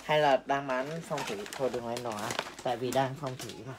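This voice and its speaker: A woman with a low voice talks quickly and casually as a livestream co-seller. The phone recording has some faint noise around her. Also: steady tone. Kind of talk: casual chat.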